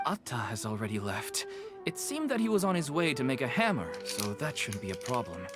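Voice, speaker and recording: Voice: mid-range voice, very animated, a little fast, lightly acted. A game figure of an adult event organizer, helpful and orderly. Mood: calm. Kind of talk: video game voice acting. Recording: loud game music underneath.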